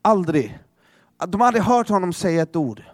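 A man preaching a sermon through a dramatic story, repeating words as he restarts and dropping to a hush for emphasis. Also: sits high, animated, no echo, studio quality.

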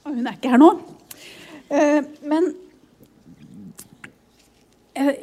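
A woman's voice: high voice, mellow. A woman in her forties, a pastor's wife, sharing a personal testimony in a sermon, emotional and often close to tears.

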